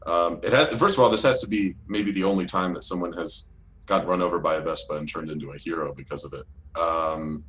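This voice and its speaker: A man playing a blue alien co-host of a comedy talk show, laid-back and halting, with plenty of fillers. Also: low-pitched, a bit bright, rough recording.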